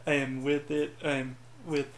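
A man's voice: a little high, flat delivery, unhurried, reverberant, slight background noise. A man joking and mocking himself while playing a racing game in casual chat. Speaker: gameplay commentator.

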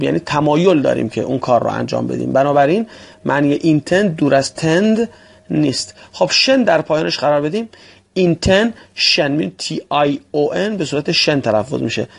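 A man teaching English vocabulary for an exam, often calling listeners friends and slowly repeating example phrases. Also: a little high, gravelly, slightly rough. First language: Persian. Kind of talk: vocabulary lesson for exam prep.

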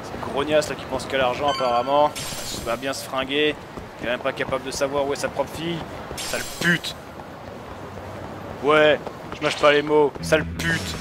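A man's voice: medium pitch, fairly even intonation, normal speed, noisy background. A man giving casual commentary on a video game, ranting and swearing crudely as he plays. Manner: crude, foul-mouthed ranting. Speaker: let's play gamer. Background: game music.

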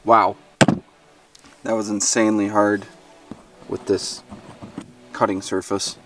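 Here a young fishing vlogger cleans and cooks fish by a forest lake, musing aloud in a casual way full of fillers and jokes at his own expense. His pitch is fairly low, his delivery flat and slow, and music plays behind him. Sound is captured outdoors at a distance by a handheld and ground-mounted camera mic.

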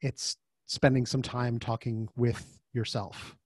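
A man with a mid-range voice takes his time speaking as a podcast guest over video call, with no echo in the sound. The author and design facilitator is casual yet animated in this conversational interview, acting out people's voices as he tells his stories.

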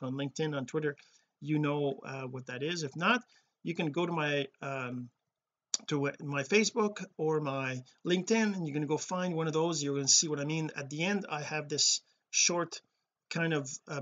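A man hosting a podcast, walking through his process on a shared screen in a halting way, often restarting and correcting himself. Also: a little high, fairly bright tone, a little hiss or hum. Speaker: podcast host.

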